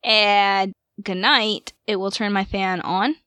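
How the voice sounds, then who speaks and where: A woman's voice: mid-range voice, fairly even intonation, takes it slowly, pushed and bright, clean tone, no room sound, studio quality. A young woman chatting casually as podcast co-host, hesitant and full of ums and likes. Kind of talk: casual chat.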